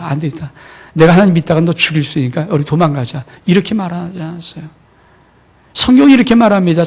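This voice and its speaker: A male pastor preaching a sermon in a dramatic way, swinging between loud outbursts and hushed words. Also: fairly high pitch, creaky.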